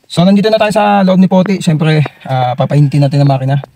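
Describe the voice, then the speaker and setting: A man's voice: on the high side, fast talker, mellow. A man with a Filipino accent giving a casual, hesitant car walk-through as a vlogger, often repeating himself, recorded inside a car with machine noise behind him. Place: inside a car with engine running.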